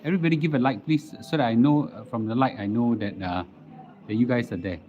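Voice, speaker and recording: Hosting a livestream, a middle-aged man with a Singaporean accent chats casually, halting and repeating words as he goes. His voice is medium-pitched, and the stream audio is dull and lo-fi.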